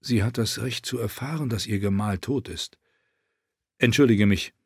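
A man's voice: fairly low pitch, normal speed, vocal fry, darkish tone, breathy edge, no echo, studio quality. A man playing a grim young commander. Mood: grave.

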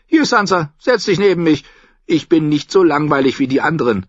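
A man voicing a sharp-tongued old noblewoman who mocks everyone bluntly and chattily. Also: on the high side, animated, brisk, no room sound, voice pushed up. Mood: tart mocking. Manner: cutting, scornful, chatty. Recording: dull, dry audiobook recording.

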